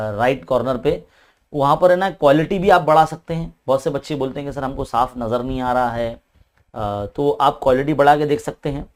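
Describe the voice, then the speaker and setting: A man with an Indian Urdu-speaking accent, a maths teacher working through an exam paper step by step and often adding a questioning "hai na". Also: medium pitch. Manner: talks quickly. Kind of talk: paper-solving lesson.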